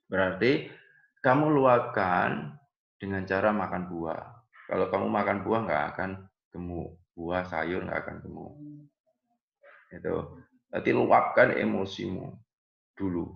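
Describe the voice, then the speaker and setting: A man's voice: lowish voice, gravelly. A man teaching a nursing class, explaining patiently and often tagging phrases with "ya". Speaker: nursing lecturer. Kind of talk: online class lecture. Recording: echoey room, dull lo-fi audio.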